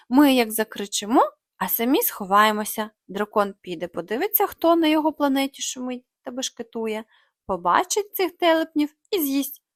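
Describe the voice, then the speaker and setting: A woman's voice: fairly high pitch, no echo, studio quality, close to an everyday voice. A woman voicing a grumpy, scheming male monster leader who bosses his gang. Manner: grumbling, sly.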